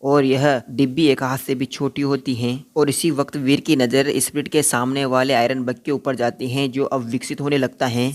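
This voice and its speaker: A man narrating an episode recap in a steady, monotone telling, ending with a request to subscribe. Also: medium pitch.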